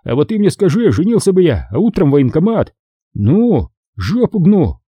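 A man voicing a rowdy young village soldier who rants loudly and coarsely in a raised voice. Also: a little high, big pitch swings, moderate pace, breathy edge, no room sound, voice pushed up. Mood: indignant rant. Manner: loud, indignant, coarse.

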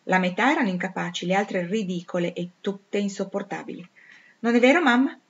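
A woman's voice: mid-range voice, a little fast, lo-fi sound, natural voice. A woman reading aloud, voicing a haughty young noblewoman who speaks with scorn and chatters with disdain. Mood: scornful.

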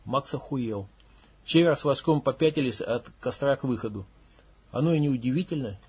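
A man's voice: medium pitch, normal speed, darkish tone, slightly rough. A man narrating an audiobook in a blunt, coarse manner, with swearing.

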